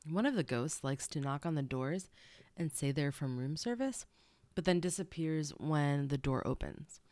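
A young woman chats her way through a solo podcast, wandering into asides as she goes. Her voice sits low and sounds stuffed up. The sound is dry, with no room around it. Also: lively intonation, normal speed, a little mellow, dry recording. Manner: rambling, chatty asides. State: stuffy nose. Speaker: podcast host. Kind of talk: casual solo podcast chat.

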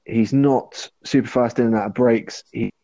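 A man hosting a casual sports chat over an online call, his audio glitching and breaking up as he talks in halting fragments. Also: mid-range voice, fairly even intonation, dark tone, no echo. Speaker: podcast host.

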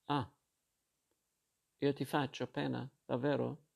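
A man reading aloud and voicing a bored, sceptical grown man who speaks with a slow, ironic drawl and a gravelly, dark tone. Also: mid-range voice, level tone, full character voice.

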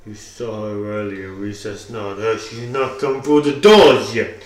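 Pushy prankster in an improv sketch, teasing and loud, echoey room. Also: male voice, lowish voice, measured pace. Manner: pushy, teasing, bursts into shouting. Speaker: friend and prankster in a comedy sketch. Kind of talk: improvised comedy banter.

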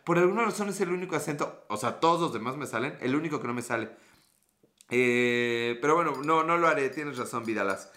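A man's voice: medium pitch, lively intonation, a little fast, pushed and bright. A man with a Mexican accent, live streaming and chatting casually with viewers, greeting them and answering their comments in slangy, profane talk.

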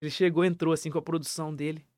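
A man telling a story in casual slang, animated and excitable, acting out what others said. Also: fairly high pitch, dry recording, clean studio sound. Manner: animated, quick and excitable, acts out quotes.

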